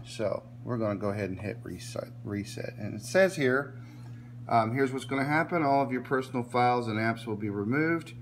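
A man's voice: on the low side, a little hiss or hum. Man walking through a laptop reset. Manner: relaxed, plain, repeats "okay?" to check in. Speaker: tech tutorial host. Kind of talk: step-by-step screen tutorial. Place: indoors at a workbench filming a laptop screen.

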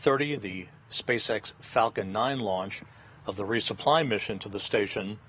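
Low-voiced male mission control commentator. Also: a bit bright. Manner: halting, deliberate, matter-of-fact. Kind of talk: measured live launch commentary. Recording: dull broadcast audio, faint noise.

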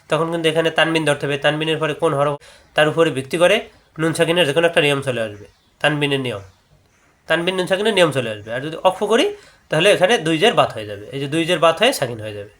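Man, high-pitched, Bangladeshi Bengali accent, tajweed teacher, step-by-step explanation, slow chanted verses. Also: a bit bright. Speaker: Quran recitation teacher. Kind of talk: tajweed lesson with chanted recitation.

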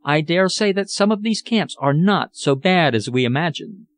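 Man doing a refined, sorrowful lady in an audiobook, raised and lively, dry and close. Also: on the high side, normal speed, no echo, pitched above the performer's own voice, close to an everyday voice. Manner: earnest, genteel, sorrowful. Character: anxious refined English lady, grieving. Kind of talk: audiobook character voice.

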